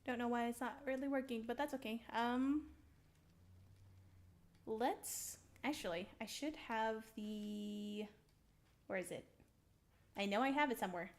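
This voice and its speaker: Young woman, gameplay commentary, slow pace, rambling, giggly, filler-heavy. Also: a little high. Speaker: streamer building in a survival game.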